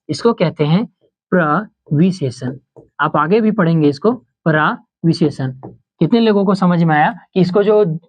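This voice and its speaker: A man teaching a Hindi grammar lesson for exam preparation, who keeps asking questions and answering them himself, repeating each example and slowing down on key terms. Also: a little mellow, dull audio. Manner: slows down and drops low on key terms.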